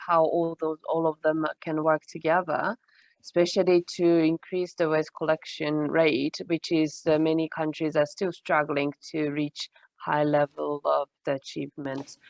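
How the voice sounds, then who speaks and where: A woman moderating an online forum, polite and measured, speaking through a headset on a video call. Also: low voice, no echo, rough recording.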